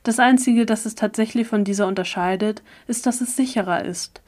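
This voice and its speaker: A woman reading the lines of a calm young man who patiently explains things in an audiobook. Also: fairly high pitch, a little fast, natural voice. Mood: explaining. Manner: matter-of-fact, explanatory.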